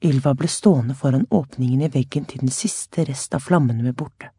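A woman narrating a chapter of a story with a steady, dramatic reading. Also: extremely low pitch, breathy edge. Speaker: audiobook narrator.

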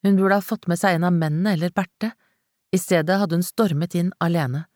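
A woman narrating a novel in a measured, dramatic storytelling manner. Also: lowish voice, steady tone, darkish tone, no room sound. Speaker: audiobook narrator. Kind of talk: scripted narration. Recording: dry close studio sound.

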